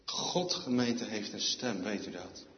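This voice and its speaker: A male pastor preaching a solemn sermon, slow and deliberate, swelling into loud emphatic outbursts. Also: lowish voice. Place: church. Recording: echoey church hall, dull lo-fi sound.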